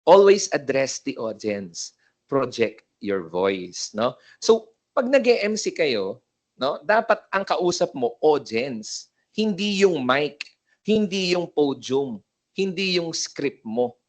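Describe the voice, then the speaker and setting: Filipino man lecturing on hosting. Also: a little high. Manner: code-switches, frequent tag questions, demonstrates voice techniques. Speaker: seminar speaker on event hosting. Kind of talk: Taglish lecture. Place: seminar room with live audience. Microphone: handheld microphone.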